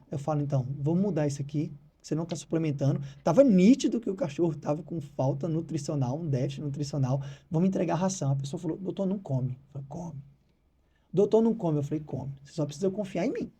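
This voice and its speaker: A man's voice: sits high, slightly rough. A man from Brazil, a veterinarian who is a father, telling stories in a casual interview and acting out his clients' voices. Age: adult with children. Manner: animated, acts out clients' voices. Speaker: veterinarian guest.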